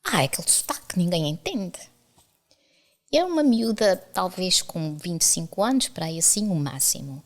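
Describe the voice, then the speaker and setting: In a conversational interview, an academic guest, a middle-aged Portuguese-accented woman from the Azores who teaches at a university and writes books, shares stories openly. She speaks with a lowish, sing-song voice at a moderate pace.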